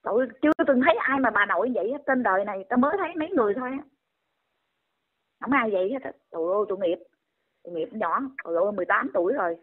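A woman's voice: mid-range voice, expressive, very fast. An older woman, scolding and exclaiming in indignant commentary. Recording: tinny phone line.

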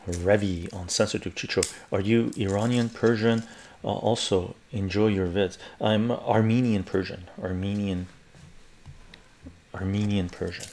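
Brief: older Canadian man, gravelly low voice, laid-back rambling streamer in his living room. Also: a little hiss or hum. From West Coast Canada. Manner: relaxed, rambling, repeats phrases, laughs often. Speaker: live streamer. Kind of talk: casual live-stream chat while peeling garlic. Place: living room at home, indoors.

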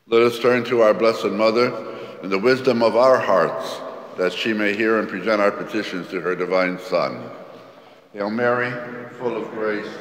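A priest reciting the prayers of the Mass in a solemn, measured way, his voice carrying a cathedral echo. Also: fairly low pitch. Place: large church. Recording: long echoey church reverb.

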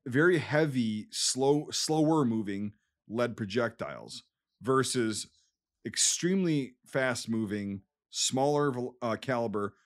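A man's voice: mid-range voice, lively intonation, takes it slowly. A man with a Wisconsin accent explaining things emphatically and with frequent swearing, in a casual podcast discussion. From Wisconsin, USA. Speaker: podcast co-host. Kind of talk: casual war history discussion.

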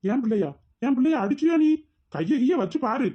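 A woman voicing an easygoing, doting father, calm and soothing. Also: sits high, normal speed, husky, muffled recording, heavily acted.

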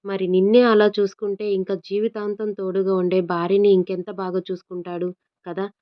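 A woman's voice: mid-range voice, level tone, normal speed, close to an everyday voice. A woman voicing a bold, outspoken young woman who talks in threats, on a dull lo-fi recording. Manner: brash, threatening.

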